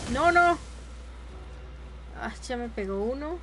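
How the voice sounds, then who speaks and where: A woman's voice: high-pitched, expressive, takes it slowly, over music. Exasperated young woman streaming a game. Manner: frustrated, exclamatory, talks to herself and viewers. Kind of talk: live gameplay commentary.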